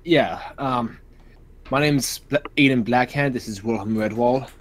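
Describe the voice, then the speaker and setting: A man's voice: medium pitch, measured pace. Casual man playing a tabletop game. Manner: casual, summarizing with fillers. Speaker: player. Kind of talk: in-character tabletop play.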